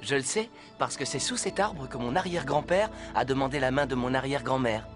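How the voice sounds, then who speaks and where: A man voicing a shy, gentle teenage boy in a cartoon dub, hesitant and soft-spoken. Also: mid-range voice, fairly quick, music in the background, close to an everyday voice.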